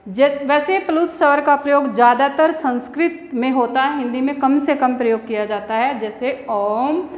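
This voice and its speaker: High-voiced woman teaching in an echoey room. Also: moderate pace. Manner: explains step by step, asks and answers her own questions. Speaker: school teacher. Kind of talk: classroom grammar lesson. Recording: echoey room with long reverb.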